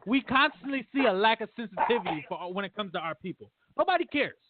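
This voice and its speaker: A man's voice: high-pitched, quick pace, heavy background noise. A man hosting a casual podcast discussion, talking emphatically and acting out quotes. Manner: animated, emphatic, acts out quotes. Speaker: podcast host. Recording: dry phone-like audio.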